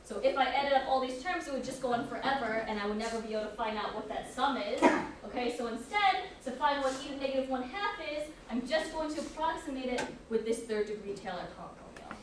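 A woman's voice: high-pitched, expressive, fast. A woman teaching a college calculus class, explaining step by step and saying "okay" often. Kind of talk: classroom lecture. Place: lecture classroom. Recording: echoey room, distant mic, noise.

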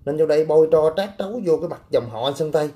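A man's voice: fairly high pitch, expressive, very fast, warm tone. A man hosting a casual livestream, reading viewer comments with brash, teasing, coarse banter. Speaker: livestream host.

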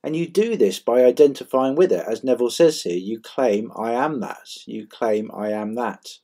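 A man giving an earnest, measured spiritual teaching, repeating key phrases for emphasis. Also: mid-range voice, mellow. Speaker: channel presenter.

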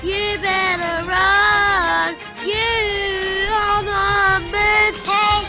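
A woman's voice: very high-pitched, level tone, drawn-out words, heavily acted. A woman voicing a cocky young rapper character in a fan rap battle, rapping in a taunting, sing-song way over a beat. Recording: vocal buried under loud music.

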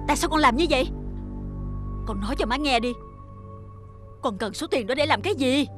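A woman's voice: lively intonation, fairly quick, music in the background. An actress with a Southern Vietnamese accent playing a wealthy mother who dotes on her son but scolds his friend sharply. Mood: shocked. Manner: shrill and scolding. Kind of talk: TV drama acting.

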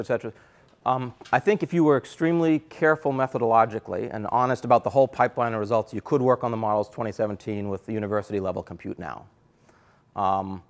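A middle-aged man delivers a keynote in a lecture hall, speaking conversationally and thinking aloud with frequent fillers. His pitch sits in an ordinary middle range, picked up on a clip-on mic. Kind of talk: academic lecture.

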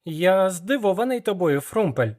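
A man's voice: high voice, sing-song, normal speed, darkish tone, voice pushed up. A man voicing a curious young male apprentice wizard in an audiobook, with an eager, questioning manner and a raised voice. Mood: surprised.

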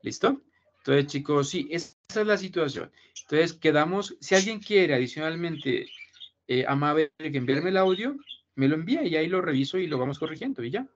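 A man's voice: a little high, lively intonation, fairly quick. A man, teaching an online class, reassuring his students and often checking that they follow. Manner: reassuring, repeats himself, keeps checking with "¿listo?". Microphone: video call. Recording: muffled video call audio with faint noise.

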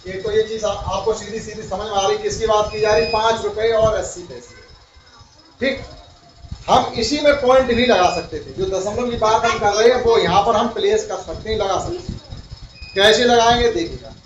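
A male primary school teacher with a high-pitched voice leads a lesson at a moderate pace, asking his pupils questions and repeating their answers. The sound is roomy, distant, dull, and slightly noisy.

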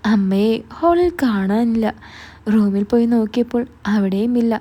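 A woman narrating a first-person story in an earnest, steady way. Her voice sits fairly high and sounds breathy, with a dark, mellow warmth. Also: measured pace.

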